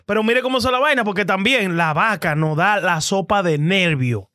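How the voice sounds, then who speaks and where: Very high, bright-voiced Dominican man. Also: moderate pace, no room sound, clean studio sound. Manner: slangy, repeats himself emphatically. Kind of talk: casual banter.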